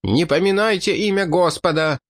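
A man reading an audiobook, voicing a hateful, zealous old priest who accuses and threatens in a shrill, hysterical way. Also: animated, measured pace, a bit bright, no room sound, studio quality.

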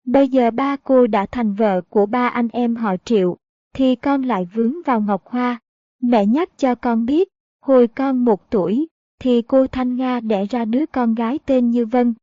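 A woman's voice: on the high side, unhurried, no echo, highs cut off, lightly acted. A woman reading an earnest noble mother. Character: noble middle-aged mother, a princess. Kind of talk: audiobook narration.

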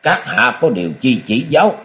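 A man's voice: mid-range voice, big pitch swings, normal speed, a bit bright, pitched above the performer's own voice. A man doing a stern, proud old martial arts leader. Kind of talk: audiobook character voice.

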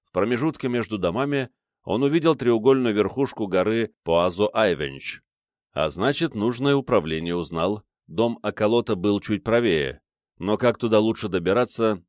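A man's voice: lowish voice, expressive, normal speed, no echo, clean studio sound. A man narrating an audiobook in scripted narration, reading expressively.

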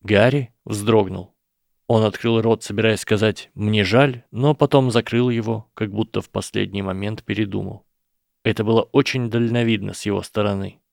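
Low, gravelly male audiobook narrator. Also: fairly even intonation, normal speed, a little mellow, dry recording, clean studio sound. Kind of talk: scripted narration.

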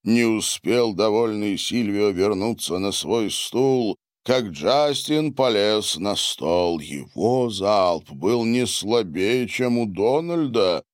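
A man narrating an audiobook in a measured, deadpan way on a close microphone. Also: lowish voice, no echo.

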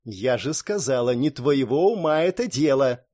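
Brief: male narrator playing a spiky cat-girl, sharp and snappish, animated pitch. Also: normal speed. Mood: snapping. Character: fiery half-cat young woman, quick to snap.

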